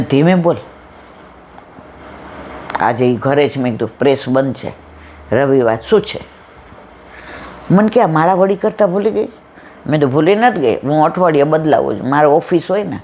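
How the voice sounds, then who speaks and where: A woman giving a devotional satsang talk, telling stories and acting out the dialogue lively. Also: sits low. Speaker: satsang speaker.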